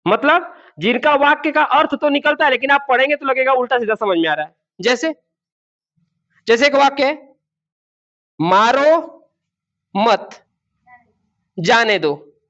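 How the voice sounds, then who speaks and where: The recording is dull and lo-fi, capturing a male teacher with a very high, slightly bright voice at a moderate pace. He teaches grammar to a class, posing questions, repeating key words, and calling pupils babu and beta.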